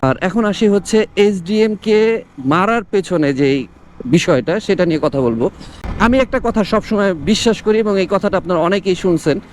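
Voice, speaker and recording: A man with a Bangladeshi accent speaks in a fairly high voice through a helmet mic. He gives casual motovlog commentary to viewers and drops English words into his sentences. Faint outdoor traffic and vehicle noise runs behind him. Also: lively intonation, normal speed. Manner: mixes English words into talk. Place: outdoors on the road, talking from inside a helmet.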